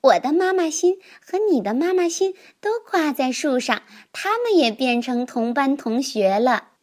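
A woman voicing an earnest little schoolgirl in a storybook, with a high, childlike voice. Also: expressive, unhurried, darkish tone. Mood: innocent.

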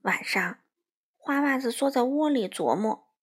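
A woman reading a children's picture book aloud to young listeners in a gentle, unhurried way. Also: sits high, lively intonation, slightly rough.

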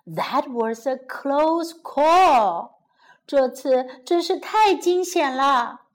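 A gentle, caring mother from a children's storybook, voiced by a woman narrator. She talks slowly and warmly to her son, with a lively, expressive pitch. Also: exaggerated voice. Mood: gentle motherly.

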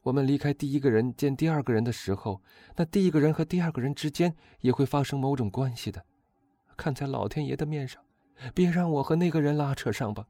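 A man's voice: warm tone, no room sound, natural voice. Man voicing a frightened pleading countess. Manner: high strained pleading voice. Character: frightened noble countess, woman, anxious and pleading.

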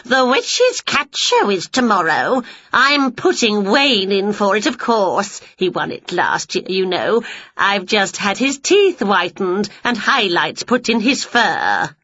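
A woman's voice: mid-range voice, sing-song, slow pace, a bit bright, husky, no room sound, muffled recording, heavily acted. A woman voicing a snooty, bossy big-sister witch with a screechy, gloating voice, read as a storybook. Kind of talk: storybook reading.

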